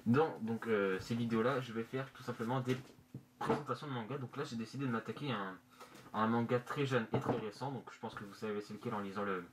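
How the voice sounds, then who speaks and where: Guy doing a casual vlog thru a face mask, kinda muffled, searching for words, bit of background noise. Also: medium pitch. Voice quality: slightly muffled, talking through a face mask. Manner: hesitant, halting, searching for words. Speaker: manga review vlogger. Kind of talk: casual unscripted presentation. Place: bedroom, indoors. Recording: noisy amateur room recording.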